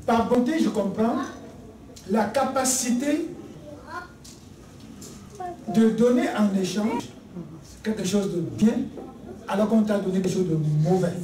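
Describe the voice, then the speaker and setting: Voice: medium pitch, a little slow, pauses often. Echoey, distant church preacher. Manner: addresses listeners as beloved, teaching in numbered points; drops soft and quiet on key words. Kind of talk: sermon. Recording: echoey room, voice heard from a distance.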